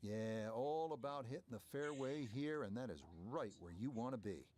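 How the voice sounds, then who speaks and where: A man giving measured play-by-play as a golf commentator in a video game broadcast style. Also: mid-range voice, lively intonation, darkish tone, natural voice. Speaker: golf commentator, lead announcer.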